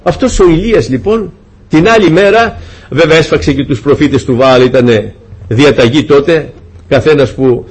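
A man preaching a sermon, retelling a scripture story in lively, humorous fashion and acting out the dialogue. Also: fairly high pitch, slightly rough.

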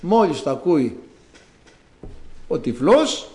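A man's voice: a little high, very animated, darkish tone, echoey room. A male preacher giving a sermon, telling stories dramatically and acting out the quotes. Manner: dramatic storytelling with acted-out quotes.

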